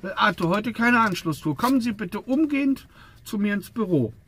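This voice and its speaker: A man voicing an excitable male trucking company boss who exclaims in high, dragged-out outbursts. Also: moderate pace. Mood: stern.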